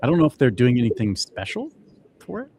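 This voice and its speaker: A man's voice: medium pitch, sing-song, fairly quick, a little mellow, slight background noise. A young man co-hosting a casual crypto show, talking loosely with many fillers and restarts. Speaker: co-host.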